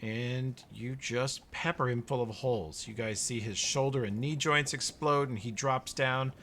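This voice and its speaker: A man's voice: mid-range voice, fairly even intonation, a little slow, a bit bright. A man acting as game master, narrating a tabletop game in a casual way. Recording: noisy background.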